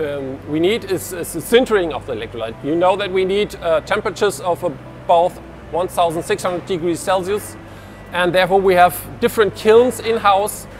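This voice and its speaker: On this lab tour of a large indoor industrial hall, a high-pitched man from Germany talks at a moderate pace over soft background music. He explains with his hands into a lapel mic, and his sentences frequently restart.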